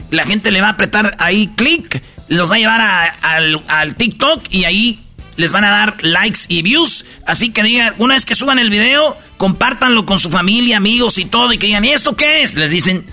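A man hosting a joking radio show, telling slangy stories and pitching a contest in a loud promo style. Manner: rapid slangy storytelling, loud promo delivery.

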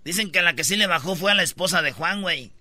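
A man's voice: sits high, quick pace, pushed and bright. A man with a Mexican Spanish accent hosting a radio show, telling rambling, slangy jokes in comedic banter. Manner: rambling slangy joking storyteller.

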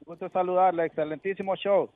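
Guy calling in over a tinny phone, a bit high, keeps tripping over his words. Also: fairly even intonation. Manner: halting, restarts mid-sentence. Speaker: caller. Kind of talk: telling jokes on a call-in show. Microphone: telephone.

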